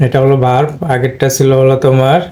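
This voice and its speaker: A man with a Bangladeshi accent teaching English pronunciation in a slow, deliberate lesson, drawing out and repeating each word he demonstrates. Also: medium pitch, little pitch movement, dark tone.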